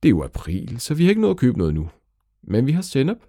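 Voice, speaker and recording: Storybook dad, round and unbothered, mellow and matter-of-fact; a man voicing him. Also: medium pitch, no echo, clean studio sound, voice pushed up. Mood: calm. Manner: calm, matter-of-fact, mild swearing. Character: round calm grill-loving dad, middle-aged man.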